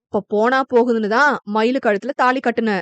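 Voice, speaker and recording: A woman's voice: a little high, steady tone, fairly quick, close to an everyday voice. Woman voicing a sarcastic older son-in-law. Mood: taunting. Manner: taunting, sarcastic.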